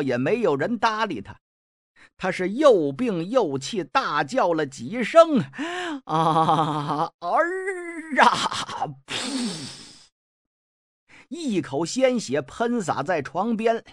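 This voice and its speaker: Guy doing old-school storytelling, really animated voice, chatty jokey asides, dry close mic. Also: high-pitched, no echo. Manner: lively, colloquial, wry asides. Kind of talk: traditional oral storytelling of a classic novel.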